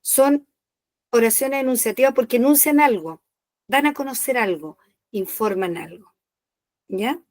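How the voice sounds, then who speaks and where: Woman teacher, somewhat high voice, dry close sound, patient explaining. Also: measured pace, pauses often, dry recording. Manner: explains patiently, checks in with "¿ya?" after each point. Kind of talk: online class lecture.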